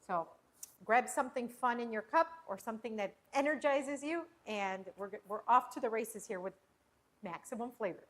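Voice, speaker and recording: A woman's voice: on the high side, moderate pace, fairly bright tone. Chatty woman hosting a cooking stream. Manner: chatty, rambling with restarts and fillers. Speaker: cooking show host. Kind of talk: casual livestream cooking chat. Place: home kitchen.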